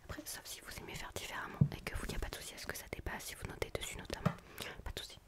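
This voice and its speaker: A woman doing a whispered role-play as a gentle, quirky book therapist, in a hushed library whisper, softly repeating phrases to soothe. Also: rapid-fire. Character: quirky, gentle female book physiotherapist attending a patient. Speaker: ASMR performer playing a book therapist.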